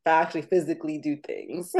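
A woman's voice: low-pitched, fairly even intonation, fast talker, darkish tone. A woman in her thirties hosting a podcast, chatty and laughing often, with lots of "like" fillers. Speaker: podcast host. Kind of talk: casual podcast chat.

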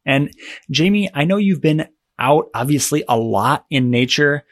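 A man co-hosting a podcast, relaxed and a bit rambling. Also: a little high, a little slow, no room sound. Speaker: podcast co-host. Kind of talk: casual podcast chat.

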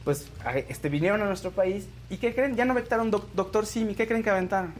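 Mexican-accented co-host, rapid delivery, chatty news banter over faint background noise. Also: mid-range voice. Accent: Mexican Spanish. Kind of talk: casual news commentary and banter.

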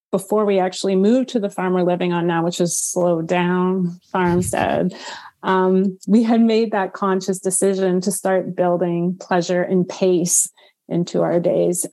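A middle-aged woman farmer talking in a relaxed interview, reflective and unhurried, with frequent "um"s. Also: on the low side. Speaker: guest homestead farmer. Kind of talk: casual conversational interview.

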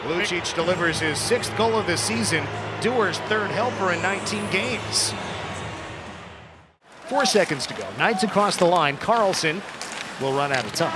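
A man giving live hockey commentary as play-by-play announcer, with dramatic calls on big plays. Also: fairly high pitch. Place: arena broadcast booth.

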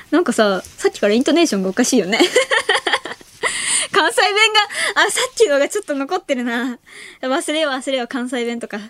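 Giggly, lively teenage girl radio host. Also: high-pitched. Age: late teens. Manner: giggly, laughs often between remarks; chatty, playful, talks to listeners directly. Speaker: late-night radio host. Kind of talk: casual radio chat reading listener mail. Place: radio studio. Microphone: studio microphone.

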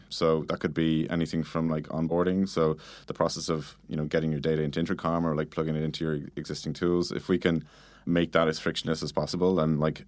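An interview guest who works as a product manager explains things in a relaxed, informal way, with plenty of "like" and "you know." His pitch is extremely low. The audio is dry and studio quality.

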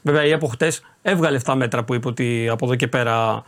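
A man's voice: medium pitch, fairly bright tone. A man, a sports reporter on a casual radio talk show, explaining at length with restarts and hesitations.

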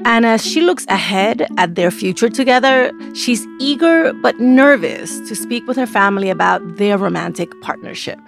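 Woman host, gravelly voice, calm scripted intro, music underneath. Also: on the high side, normal speed, hardly any pauses. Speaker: podcast host.

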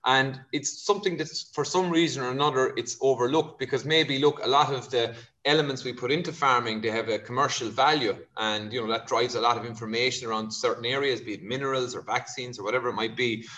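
A man with a west of Ireland accent from Kerry speaks as an expert guest. His voice sits at a medium pitch. He explains in a conversational, informal way, dropping in small asides as he goes. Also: a little fast, few pauses, pushed and bright. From County Kerry, Ireland.

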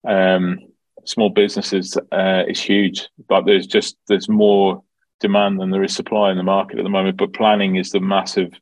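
Male interviewee, Dublin Irish accent; low voice, very flat intonation, informal explainer. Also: normal speed, no echo. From Dublin, Ireland. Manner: explanatory, informal, peppered with 'you know'. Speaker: farm manager, interview guest. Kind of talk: conversational interview answers.

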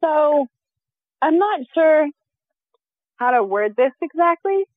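A woman's voice: sits high, animated, slow pace, no room sound. A woman calling in to a radio show over a phone line, speaking hesitantly with frequent ums. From USA. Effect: heard over a phone line.

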